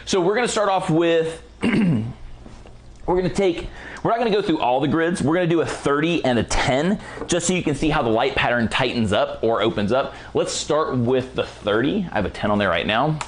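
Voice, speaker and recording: A man teaching a casual photography lighting tutorial in a relaxed, slangy, enthusiastic way while he is losing his voice. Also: on the high side, a little fast. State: losing his voice, clearing throat. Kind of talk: casual product walkthrough tutorial.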